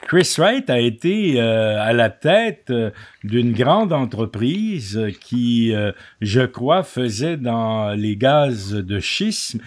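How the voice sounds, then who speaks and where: A man hosting a radio interview, measured and hesitant, with many fillers. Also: mid-range voice, sing-song. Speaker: radio host.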